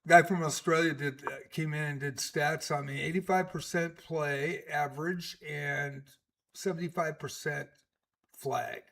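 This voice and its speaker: A man's voice: a little high, steady tone, measured pace, gravelly, a bit bright. A man in his sixties giving casual live-stream chess commentary, chatty and rambling with many fillers. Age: 60s.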